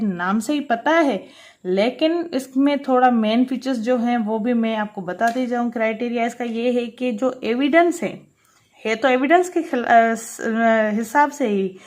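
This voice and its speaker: Delivering an explanatory law lecture sprinkled with English terms, this woman speaks in a fairly high, darkish voice. She keeps restating and rewording her points and checks that the listener is following.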